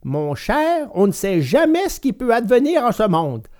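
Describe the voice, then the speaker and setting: A woman voicing a patient, kindly old woodcarver in a storybook reading, slow and gentle, giving little lessons. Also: fairly high pitch, sing-song. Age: older.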